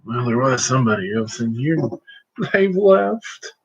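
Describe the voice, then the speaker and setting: A middle-aged man chatting casually and folksily on a livestream, rambling along with hesitant pauses. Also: medium pitch, big pitch swings, background noise. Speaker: host of a livestream vlog. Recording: slightly muffled, lo-fi livestream audio.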